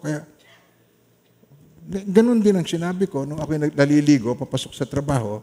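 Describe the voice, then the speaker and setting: A middle-aged man with a Filipino accent, preaching a sermon in a storytelling way and mixing in English phrases, his volume swinging from loud emphasis to quiet trailing lines. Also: medium pitch. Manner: mixes Tagalog with English, storytelling, soft-spoken asides. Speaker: pastor.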